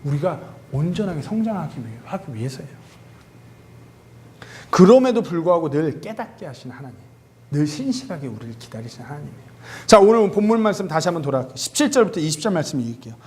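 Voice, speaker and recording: Guy preaching to youth group, high voice, swings all over the place. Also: fast. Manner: animated, acts out quoted dialogue. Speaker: youth pastor. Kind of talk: sermon.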